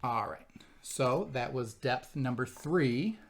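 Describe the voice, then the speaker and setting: A man walks viewers through a board game as he plays, in a relaxed, conversational way. He explains each rule patiently and step by step, checking in with his co-player as he goes. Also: mid-range voice, takes it slowly, slight background noise. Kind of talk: casual board game playthrough commentary.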